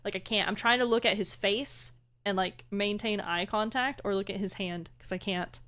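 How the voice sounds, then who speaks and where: A woman's voice: medium pitch, moderate pace, a bit bright. A woman streamer giving casual reaction commentary in a dramatic, squeamish, emotive way.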